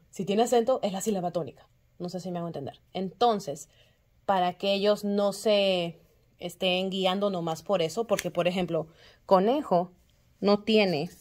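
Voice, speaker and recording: A woman's voice: fairly low pitch, a little mellow. A woman kindergarten teacher casually explaining classroom work to parents. She talks in a chatty way, uses many filler words, corrects herself often and sounds out words syllable by syllable.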